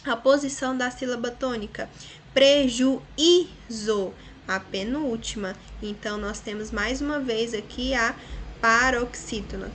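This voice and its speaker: A Brazilian woman teacher explains a lesson patiently, one step at a time. She often checks in with short tag questions, and her voice sits a little high. Faint ambient noise sits behind her. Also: a bit bright. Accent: Brazilian Portuguese. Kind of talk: recorded online school lesson.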